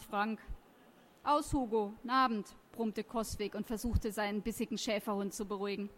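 High-voiced woman presenting a book. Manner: lively storytelling, retelling with voices. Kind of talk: book summary with read-aloud excerpts.

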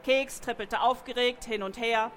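Lively woman reading a children's story. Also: on the high side, moderate pace. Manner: lively, with sound effects. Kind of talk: reading a children's book aloud.

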